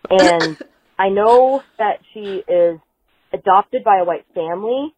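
A woman, a high school teacher, leaving a casual, slightly rambling voicemail for a show over the phone. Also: slow, darkish tone. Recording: tinny phone line voicemail.

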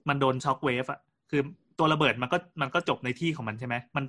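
A man's voice: medium pitch, fairly quick, pushed and bright. A man co-hosting a podcast, telling a story in casual chat with frequent restarts and fillers. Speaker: podcast co-host.

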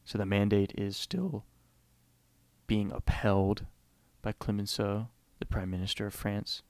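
A man with a low voice explains history in a loose, conversational way, sprinkling in "you know" and acting out the quotes. The sound is close and dry, with no room echo. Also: little pitch movement, unhurried, darkish tone. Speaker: history lecturer. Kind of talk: casual history lecture.

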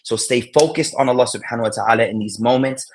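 A man giving sermon-like final reflections on a panel, with halting restarts and recited Arabic verses. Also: medium pitch, a little hiss or hum. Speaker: speaker on a panel.

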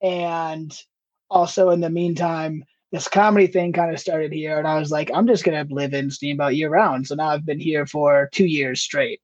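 Heard through dull, lo-fi audio, a stand-up comic from Ohio in the Midwest is a guest on a podcast, chatting casually, rambling, and laughing easily. His fairly high voice stays steady at normal speed.

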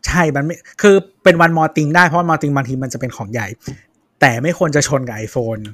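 A man's voice: on the high side, normal speed, a crowd in the background. Man adding details in casual chat. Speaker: tech podcast co-host.

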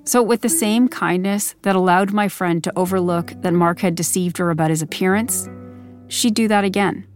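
A woman's voice: fairly low pitch, moderate pace. Woman narrating true crime over music. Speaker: podcast host and narrator.

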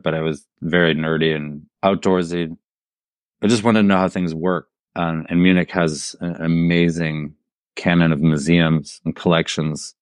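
A middle-aged man raised in southern Germany, an installation artist appearing as a podcast guest, tells stories informally in an interview, weaving in bits of quoted dialogue. His voice sits low, captured in clean studio sound with no room sound.

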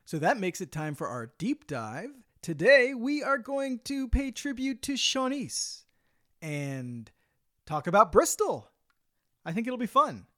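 A man's voice: sits high, big pitch swings, unhurried, a bit bright. A man hosting a podcast in a casual, chatty style. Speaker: podcast host.

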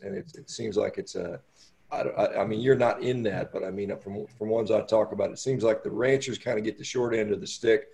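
An American man interviewing as a podcast host, casual, halting and rambling, often repeating his words. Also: on the low side, gravelly, darkish tone.

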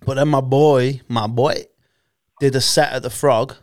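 A man's voice: mid-range voice, fairly even intonation, unhurried, dry recording, clean studio sound. A man, chatting and bantering casually as a podcast co-host. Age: 40s.

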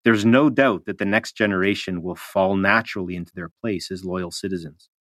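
A man giving measured, scholarly explanation in a documentary interview. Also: deep voice, a bit bright, no echo, clean studio sound. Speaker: academic commentator.

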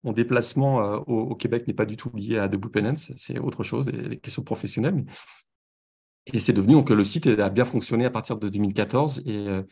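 A man's voice: lowish voice, brisk, vocal fry, a little mellow, breathy edge. A man from France with a French accent, speaking as an interview guest and often repeating words as he searches for them. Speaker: podcast guest, sports website founder. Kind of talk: casual interview.

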